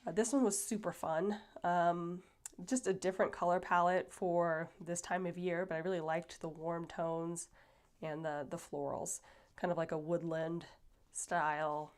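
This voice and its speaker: A woman hosting a casual planner flip-through, chatty and rambling with many fillers, sounding a little stuffy and breathy. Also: fairly low pitch, little pitch movement, a little slow. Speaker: planner channel host.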